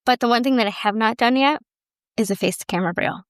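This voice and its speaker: A woman hosts a casual solo podcast and talks candidly, with a lively, self-deprecating manner. Her voice sits a little high and comes across smooth and clear. The close mic is dry, with almost no room sound. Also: fast, dry recording. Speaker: podcast host and business owner.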